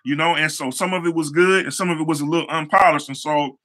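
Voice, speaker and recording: Young male host, high and piercingly bright tone, loose conversational storytelling with slang and repeated phrases. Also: steady tone, fast talker. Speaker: show host, hair stylist. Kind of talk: casual motivational storytelling.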